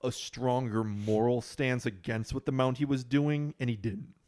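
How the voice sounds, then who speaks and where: A man's voice: medium pitch, steady tone, moderate pace, darkish tone. A man co-hosting a podcast, talking in a conversational, dry and opinionated way. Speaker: podcast co-host. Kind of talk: casual chat.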